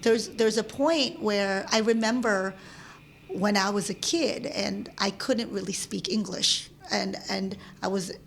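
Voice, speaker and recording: A woman in her forties from the Philippines, a podcast guest talking casually, halting with many restarts and frequent laughs. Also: mid-range voice, fairly even intonation, gravelly, slight background noise. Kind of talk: casual interview chat.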